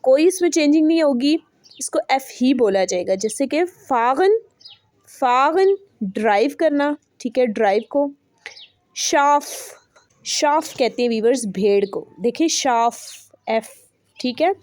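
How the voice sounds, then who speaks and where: Slow, careful woman teaching pronunciation. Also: high voice, expressive, darkish tone. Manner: repeats words slowly and says "ठीक है" often. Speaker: language teacher. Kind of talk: online language lesson.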